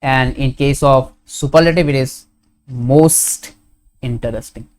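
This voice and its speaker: A man talks through a grammar lesson for his students. He fills every pause with "okay." He asks questions and answers them himself, correcting his own small slips along the way. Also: mid-range voice, a little hiss or hum. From India. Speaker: teacher.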